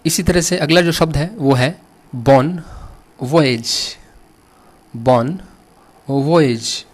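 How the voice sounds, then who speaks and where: A middle-aged man with an Indian accent teaching an English vocabulary lesson, spelling words letter by letter and asking his students questions. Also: on the high side. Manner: slow, patient, asks students questions.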